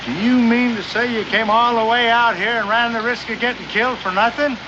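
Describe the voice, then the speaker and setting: A man's voice: very high voice, steady tone, brisk. An actor playing a scheming, self-interested frontier father in a 1960s TV western, wordy, mock-formal and argumentative. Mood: aggrieved. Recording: muffled, noisy old TV soundtrack.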